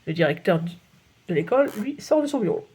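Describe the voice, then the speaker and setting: A woman narrating a children's audiobook in a playful, expressive way. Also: lowish voice, a little fast, breathy edge.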